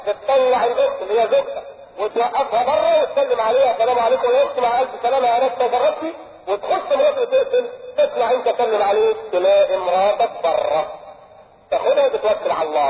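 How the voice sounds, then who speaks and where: A man preaching in Egyptian Arabic, lively and animated, acting out little everyday dialogues as he lectures. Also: extremely high pitch. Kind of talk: sermon lecture. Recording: echoey hall, tinny old tape.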